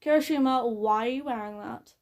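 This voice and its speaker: A woman's voice: on the high side, a little fast, darkish tone, lightly acted. A woman reading as a weary, stern male teacher. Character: ever-tired strict male teacher.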